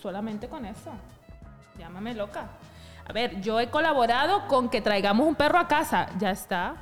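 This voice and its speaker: Teasing high-voiced woman. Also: animated, moderate pace, big-room sound, soft background music. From Venezuela. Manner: bossy, teasing, laughs often. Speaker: podcast co-host. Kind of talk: comedic podcast banter.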